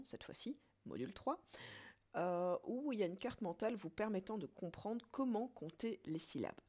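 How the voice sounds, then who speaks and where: A woman teacher giving a recorded lesson, explaining step by step and slowing down to count syllables aloud. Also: on the low side, a little mellow. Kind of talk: recorded French lesson on poetry.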